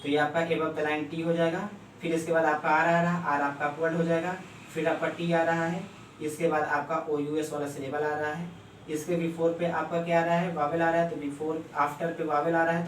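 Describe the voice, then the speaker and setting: A man teaching a shorthand lesson step by step, often stopping to ask if it is clear. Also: fairly high pitch, little pitch movement, normal speed, slight background noise. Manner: explains step by step, keeps checking "clear?". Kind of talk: classroom lecture. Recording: echoey room, mic far off.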